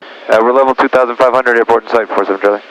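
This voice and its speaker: Through a cockpit aviation headset, a man flying a small plane narrates each procedure and makes radio calls for a vlog, talking himself through checklists. His medium-pitched voice is a bit bright and fairly even, and he races along. The audio is poor, with slight background noise.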